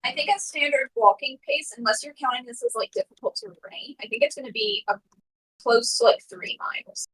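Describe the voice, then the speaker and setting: A woman's voice: high voice, sing-song, a little fast, fairly bright tone, slightly rough, low-quality recording. Tentative woman player checking rules. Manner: tentative, uses fillers. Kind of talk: tabletop game rules talk.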